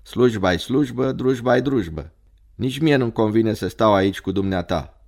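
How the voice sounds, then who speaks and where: Hoarse male devil, weary clerk, grumbling folksy talk, storybook voice, read by a man. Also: on the low side, a little mellow. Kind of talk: audiobook character voice.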